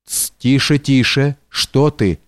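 A man's voice: mid-range voice, takes it slowly, no room sound, studio quality, natural voice. A man voicing a sly, fawning male steward in an audiobook, with a coaxing, wheedling way of talking. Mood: alarmed.

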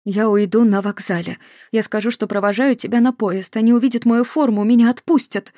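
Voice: mid-range voice, steady tone, brisk, mellow, no echo, clean studio sound, voice pushed up, lightly acted. A narrator voicing a desperate, defiant young woman who works as a nurse, pleading in a raised voice. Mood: urgent.

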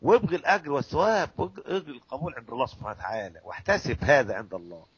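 A man's voice: mid-range voice, very animated, racing, a bit bright, slightly rough, no room sound, rough recording. A man with an Egyptian accent, a sheikh explaining a classical recitation text to students, drilling sounds syllable by syllable and quizzing his listeners. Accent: Egyptian Arabic.

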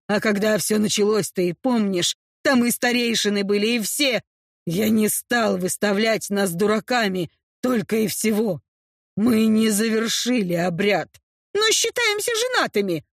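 A woman voicing a young male orc, speaking low and subdued with remorse, in an audiobook reading. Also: expressive, measured pace, gravelly, dry recording, studio quality. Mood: remorseful. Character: young male orc, gruff yet apologetic. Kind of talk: audiobook character voice.

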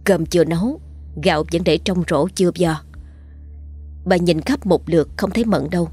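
A woman narrates a storybook in a measured, descriptive voice. Her tone is low and husky, with faint music playing beneath her. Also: dark tone. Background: faint background music.

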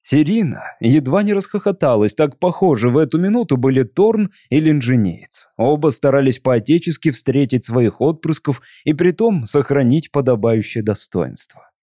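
Dark-voiced man reading a story. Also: mid-range voice, no echo, clean studio sound. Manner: even, measured storytelling. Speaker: narrator. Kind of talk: audiobook reading.

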